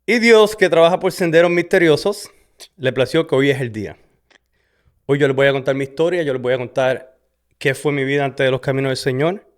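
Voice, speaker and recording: Puerto Rican man telling his story. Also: medium pitch. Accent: Puerto Rican Spanish. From Puerto Rico. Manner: conversational, frequent "¿verdad?" and Spanglish "so". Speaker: podcast host. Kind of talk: personal testimony, casual storytelling. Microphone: studio camera setup.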